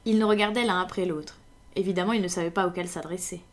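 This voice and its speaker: Woman, audiobook reader, measured narration, literary reading. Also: on the low side, fairly even intonation.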